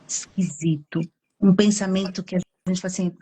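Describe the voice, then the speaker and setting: A Brazilian woman psychologist explaining on a live stream, acting out inner thoughts with drawn-out, expressive emphasis. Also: on the low side, slightly rough. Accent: Brazilian Portuguese.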